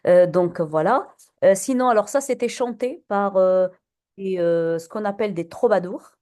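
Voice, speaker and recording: A woman teacher at medium pitch, her voice warm and mellow, guides students through a poetry lesson. She talks patiently and keeps asking them questions, with frequent hesitations and restarts; a recorder in the classroom catches it all.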